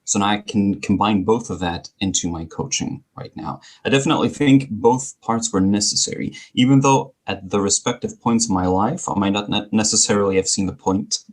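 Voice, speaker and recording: A man who is a native Greek and German speaker appears as a podcast guest, a speaking coach being interviewed conversationally. He talks articulately and wryly in a lowish voice, a little fast and with hardly any pauses.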